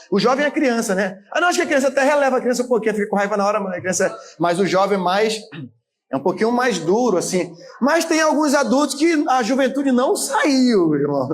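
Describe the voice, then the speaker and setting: A man in his late thirties, a pastor, preaching a sermon in a conversational way, with frequent tag questions and occasional shouted emphasis. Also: sits high. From Brazil. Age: 30s.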